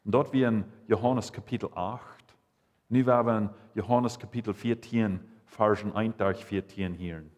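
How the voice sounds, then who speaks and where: A man reading Bible passages and commenting, halting and restarting as he goes. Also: lowish voice, fairly even intonation, darkish tone. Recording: long reverb, hall.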